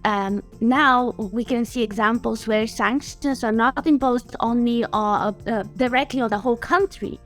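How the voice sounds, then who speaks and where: Woman in her 30s, chatty and lively, kinda high voice, laughs a lot, video call. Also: unhurried, few pauses, soft background music. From Bulgaria. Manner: animated and chatty, laughs often. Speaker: guest, sanctions compliance specialist. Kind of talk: interview answers.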